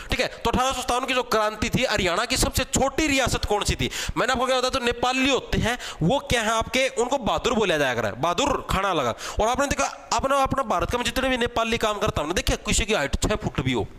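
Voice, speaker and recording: High-voiced Haryanvi man teaching a class. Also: lively intonation, a little fast, few pauses, sharp tone. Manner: chatty, teasing, repeats "theek hai" as a check-in. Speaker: exam coaching teacher. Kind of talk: online class with joking memory tricks.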